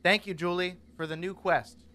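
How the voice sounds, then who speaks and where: A man's voice: sits high, steady tone, moderate pace, pushed and bright. A man casually commenting while he plays a game, joking, rambling and talking to the characters. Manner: goofy, rambling, jokey, talks to characters. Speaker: gaming streamer.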